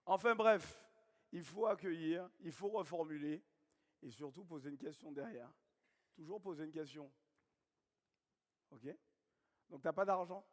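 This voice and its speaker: A high-voiced man with a Guadeloupean accent leads a sales training seminar. He drives his points home by repeating them and firing questions at the audience. His voice rings out with the long reverb of a large hall. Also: measured pace, pauses often. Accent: Guadeloupean French. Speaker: network marketing trainer.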